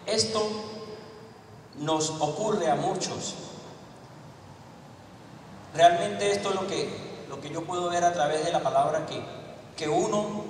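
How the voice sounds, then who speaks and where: A man's voice: on the high side, a little hiss or hum. A man preaching a sermon in church, emphatic and throwing rhetorical questions to the congregation. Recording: echoey hall, distant mic.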